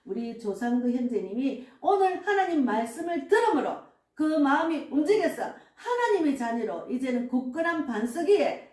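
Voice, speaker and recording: A pastor in her sixties preaches a sermon in a church sanctuary, earnest and emphatic, with frequent affirming asides. Her voice is high, sing-song and a little mellow at a moderate pace, and the echoey room is caught on a distant mic with faint music.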